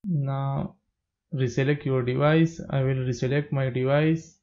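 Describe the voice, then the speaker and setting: A man narrating a step-by-step tech tutorial as a plain, steady voice-over. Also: medium pitch, measured pace, lo-fi sound.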